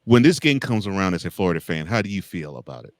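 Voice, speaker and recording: A man's voice: low-pitched, sing-song, fast, no room sound. An American man co-hosting a casual college football discussion, repeating words and phrases for emphasis. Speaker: sports show co-host.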